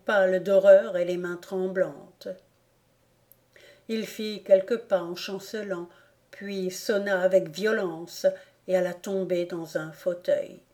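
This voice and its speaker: A woman narrates an old novel in a measured, even storytelling manner. Her pace is slow and deliberate, and her voice has a dark, mellow tone. It is an audiobook reading. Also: on the low side. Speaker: audiobook reader. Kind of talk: scripted narration of a classic novel.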